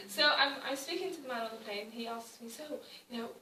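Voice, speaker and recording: A young Welsh woman gives a public talk in an arts centre hall, recorded from far off with echo and slight background noise. Her voice is fairly high and bright, lively in intonation, fairly quick and forceful. She sounds conversational and wry, restarting often.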